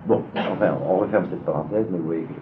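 Leading a class through a Talmud seminar, a deep-voiced man talks fast but hesitantly, full of fillers and repetitions. It sounds like a phone recording, lo-fi with a little noise.

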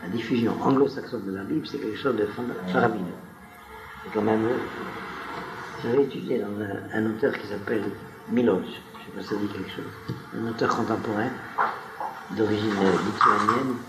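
A man's voice: lowish voice, steady tone, moderate pace, pauses often. A man giving a spoken lecture to a live audience, wandering into digressions and often turning to the listeners with questions. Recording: echoey room recording.

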